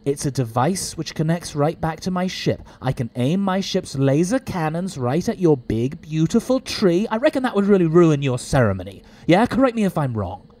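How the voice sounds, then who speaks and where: An actor playing a quirky, defiant time-travelling hero in an audio drama, theatrical, moving between flustered mumbling and quiet threat. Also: male voice, on the high side, big pitch swings, moderate pace, hardly any pauses.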